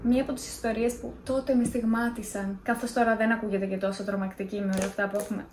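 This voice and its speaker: A woman's voice: a little high, steady tone, a little mellow, reverberant, slight background noise. A young woman in a casual vlog, chatty and self-mocking as she tells scary stories. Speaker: vlogger.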